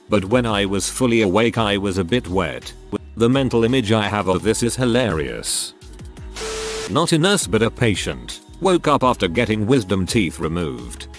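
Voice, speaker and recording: Man, scripted storytelling narration, lowish pitch, animated intonation, faint music underneath. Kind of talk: scripted narration of humorous online stories.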